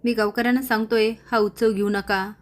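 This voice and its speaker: A woman's voice: a little high, fairly even intonation, fairly quick, natural voice. A woman voicing an anxious, angry man searching hard for his missing sister. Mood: worried, insistent. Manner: shouting, insistent.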